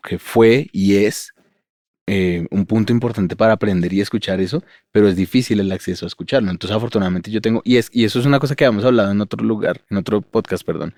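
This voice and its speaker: Rambling podcast host. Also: male voice, on the low side, a little mellow, no room sound, clean studio sound. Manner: thoughtful, rambling, circles back with asides. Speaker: podcast host and university educator. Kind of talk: podcast interview.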